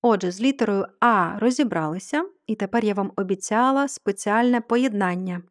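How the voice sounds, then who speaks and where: A woman teaching French online, explaining patiently and drawing out her model words slowly. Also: fairly high pitch, dry recording, studio quality. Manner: slow, drawn-out model words. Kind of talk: online grammar lesson.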